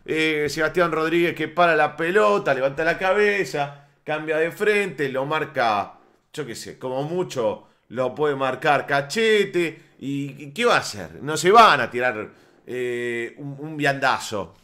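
A Uruguayan man hosting his own football fan channel, talking off the cuff. His voice sits a little high and swings widely in pitch as he rambles, stammers through restarts and lands sarcastic jabs. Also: expressive, measured pace, pushed and bright. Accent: Uruguayan Spanish. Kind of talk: casual football commentary monologue.

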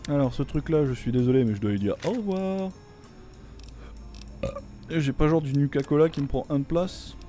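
A man with a fairly high but mellow voice gives casual let's-play commentary. He jokes, swears and reads game text aloud. Faint music plays behind him. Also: lively intonation, normal speed, long pauses. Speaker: gameplay commentator.

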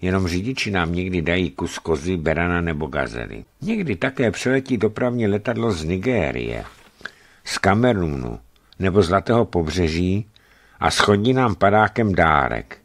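A weary desert outpost commander lists his hardships in a plain, resigned tone, read by a male narrator. The voice is deep and unhurried, barely set apart from the reader's own. It is part of a spoken travel book. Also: expressive.

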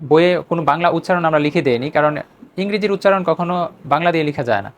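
A man's voice: fairly high pitch, lively intonation, rapid-fire. Male English teacher, Bengali first language, runs a repeat-after-me pronunciation drill. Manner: reads each phrase and has listeners repeat it; checks in with short prompts after phrases.

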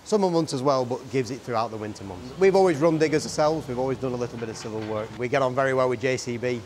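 Steady, repetitive male farm contractor. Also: mid-range voice, rapid-fire, a little hiss or hum. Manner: repeats words, steady and agreeable. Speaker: farm contracting business owner. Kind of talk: casual interview answers. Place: outdoors in a farm yard.

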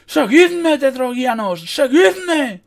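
Guy doing a old count roaring at his troops, super high, slow stretched yells. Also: very animated, gravelly, exaggerated voice. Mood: bellowing. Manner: bellowing battle cries. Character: shouting old battle-hardened count.

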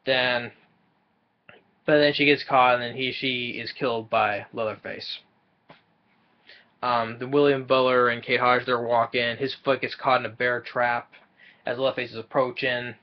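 A man's voice: medium pitch, level tone, measured pace, long pauses, lo-fi sound, a little hiss or hum. A young man casually recapping a film's plot from a small room, often stumbling and repeating words as he goes. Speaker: movie reviewer.

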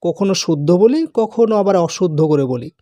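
Man teaching a grammar lesson, high voice, patient and repetitive, dry close sound. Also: lively intonation, dark tone, dry recording. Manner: slow, patient explanation, repeating key terms. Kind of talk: grammar lesson explaining at a board.

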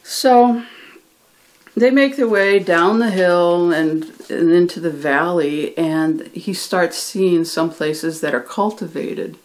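A teacher retelling a chapter of a novel for English learners in a relaxed, conversational way. The delivery is loose, with frequent restarts, and the characters' lines are acted out. The voice sits at an ordinary middle pitch. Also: slow pace. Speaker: ESL reading teacher. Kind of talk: casual retelling of a book chapter.

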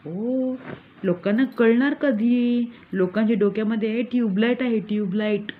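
A woman's voice: fairly high pitch, unhurried, close to an everyday voice. A woman playing a smug scheming village mother. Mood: boastful. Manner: smug, mocking, gleeful bragging. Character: boastful scheming village mother, con artist. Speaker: comic character monologue. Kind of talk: comic sketch acting. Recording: tinny phone-like recording.

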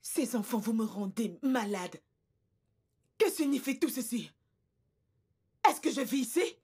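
An actress dubbing a stubborn, distraught older mother in a film drama, speaking with a husky voice. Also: fairly high pitch, expressive, measured pace, a little mellow. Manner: stubborn, insistent. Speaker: mother refusing her son's home.

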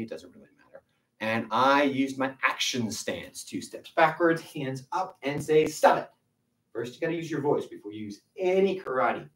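Male karate instructor, encouraging, lively delivery, distant and echoey. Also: mid-range voice. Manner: encouraging, counts drills aloud. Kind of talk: online kids' karate class. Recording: roomy, from a distance.

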